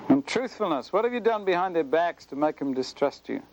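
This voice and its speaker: A man's voice: a little high, background noise. A man preaching a sermon in an earnest, conversational way, now and then speeding up playfully.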